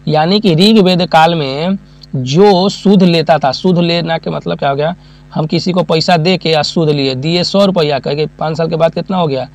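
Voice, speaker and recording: High-voiced teacher with a lilt. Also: male voice, normal speed. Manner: asks listeners questions and answers them himself; uses homely examples, repeats key terms. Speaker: exam-prep teacher. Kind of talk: classroom lecture.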